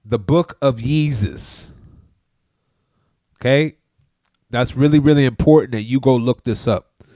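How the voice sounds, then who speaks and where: A man's voice: medium pitch, measured pace, pauses often, mellow, no echo. Preachy, emphatic man on a podcast. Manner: preachy and emphatic, urges listeners to look things up. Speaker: podcast co-host. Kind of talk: casual podcast chat.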